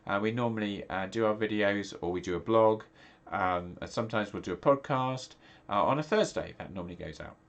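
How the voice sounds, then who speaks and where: Speaking on the low side and fairly quickly, this man has vocal fry and pauses little. He's a middle-aged pastor from England whose stuffy, nasal voice wanders through fillers and restarts in a casual video talk.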